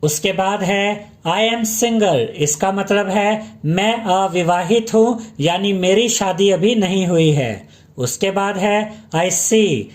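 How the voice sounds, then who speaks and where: A man with an Indian accent teaching everyday English phrases, saying each phrase slowly before explaining it in Hindi. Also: sits high.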